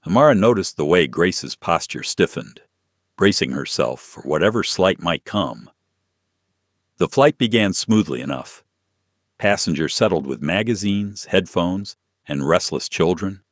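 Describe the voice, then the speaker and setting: A man's voice: low voice, lively intonation, unhurried, no room sound, clean studio sound. A man narrating a tense, dramatic story.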